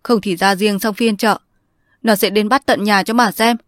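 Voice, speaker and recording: A woman's voice: medium pitch, fairly quick, no room sound, lightly acted. A woman voicing a hot-tempered young man who speaks harshly and bluntly in a storybook reading. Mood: desperate.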